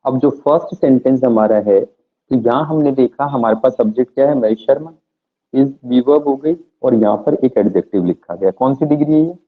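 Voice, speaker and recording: A man's voice: mid-range voice, normal speed. A man teaching an English grammar lesson to a class. He asks questions and answers them himself, and spells words out letter by letter. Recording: tinny phone-like audio.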